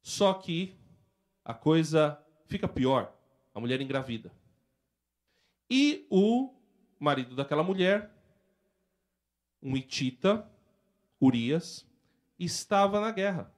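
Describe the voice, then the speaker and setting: A man with a Brazilian accent preaching a sermon as pastor, retelling scenes vividly in everyday speech. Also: a little high.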